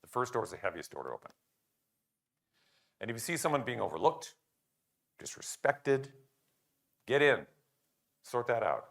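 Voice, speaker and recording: An older man giving a conference talk, lively and jokey, acting out the remarks of others and poking fun at himself. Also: medium pitch, moderate pace, creaky, pauses often. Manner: animated, jokey, self-deprecating, acts out quoted remarks. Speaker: conference speaker.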